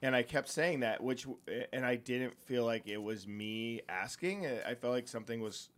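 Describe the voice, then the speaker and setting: A man's voice: mid-range voice, moderate pace. A young man on a podcast, telling a rambling story in casual chat with many fillers and restarts. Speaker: podcast co-host.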